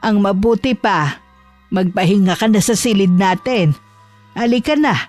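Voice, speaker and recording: A woman playing a worried, tender grandmother in a horror audio drama, coaxing her grandchild gently. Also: medium pitch, unhurried, faint music behind, natural voice.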